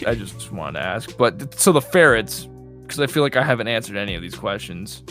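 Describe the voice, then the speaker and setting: A man's voice: lowish voice, expressive, brisk, sharp tone, soft background music. A young man chatting as a podcast guest, rambling with lots of fillers. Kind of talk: casual chat.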